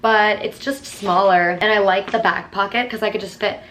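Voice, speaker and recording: A woman vlogger talking casually and earnestly to camera, leaning on filler words as she goes. Her voice sits at an ordinary middle pitch. A faint hum of noise runs under it. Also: steady tone, normal speed, a bit bright. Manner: chatty, filler-heavy, earnest. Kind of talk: casual monthly favorites chat.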